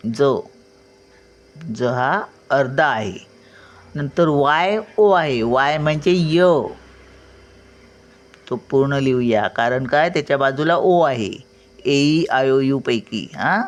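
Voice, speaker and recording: An older woman teaching at home, spelling out letters one by one and checking often that the learner follows. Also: very deep voice. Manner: patient, spells out letters and sounds words slowly. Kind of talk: home writing lesson.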